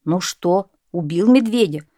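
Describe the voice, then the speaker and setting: Woman narrator voicing a patient old father in a storybook tale, slow, mildly reproachful. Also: fairly low pitch, dry recording, studio quality. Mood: chiding. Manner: calm, plain, gently chiding.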